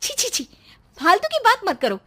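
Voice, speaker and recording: A woman voicing a bossy, sharp-tongued young wife who scolds loudly and mocks her husband. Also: very high-pitched, huge pitch swings, moderate pace, pitched above the performer's own voice, heavily acted. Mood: scolding. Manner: loud, scolding, sarcastic. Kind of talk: storybook voice acting.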